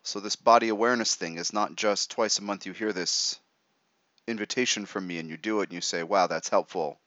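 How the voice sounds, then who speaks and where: Male meditation guide, lowish voice, measured and instructive, short phrases with pauses, slightly dull dry recording. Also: pushed and bright, no room sound.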